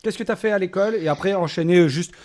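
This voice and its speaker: A man's voice: high voice, quick pace, darkish tone. A man in his thirties hosting a live-streamed interview in a casual, joking, playfully teasing way. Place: indoors in a streaming room.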